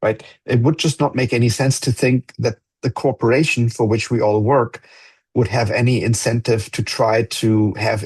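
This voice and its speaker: A man with a husky, slightly breathy voice at an ordinary middle pitch, hosting a reflective podcast conversation. He speaks in an earnest, thoughtful way and often pauses to search for the right words. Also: darkish tone. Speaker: podcast host.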